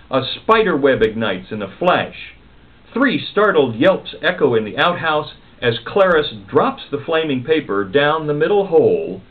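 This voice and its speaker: A man reading a comic story aloud in a wry, animated storytelling manner. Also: medium pitch. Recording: narrow phone-like sound.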